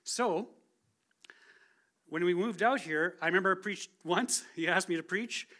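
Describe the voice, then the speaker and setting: Speaking a little slowly in a high, pushed, bright voice, a man in his forties gives his testimony from a church pulpit. He's a guest speaker, and he keeps it casual and chatty, joking at his own expense.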